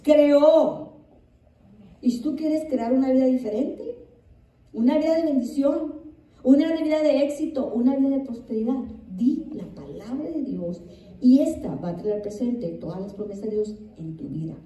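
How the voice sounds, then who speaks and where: High-pitched, mellow-voiced woman pastor preaching. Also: lively intonation, normal speed, muffled recording. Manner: reads scripture aloud and repeats it with emphasis; asks the congregation questions. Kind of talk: sermon. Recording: echoey room, distant mic.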